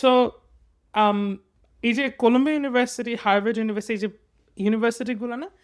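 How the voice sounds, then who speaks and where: A young man in his twenties with a Bangladeshi accent, tutoring students in English grammar. He talks patiently and reads sentences in small pieces, mixing English words into his explanations. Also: high voice. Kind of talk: casual exam lesson.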